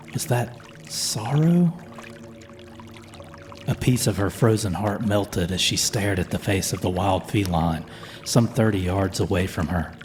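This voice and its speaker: A man reading a folklore horror story as a slow, measured, solemn scripted narration. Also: sits low, background noise. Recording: music playing under the voice.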